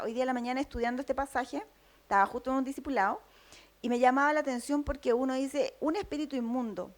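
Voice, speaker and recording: Chilean woman preaching, higher voice. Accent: Chilean Spanish. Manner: teaching tone, frequent tag questions. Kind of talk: sermon.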